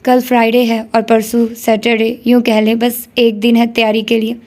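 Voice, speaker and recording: A woman's voice: on the high side, completely flat delivery, darkish tone, natural voice. Woman reading as a teasing young sister.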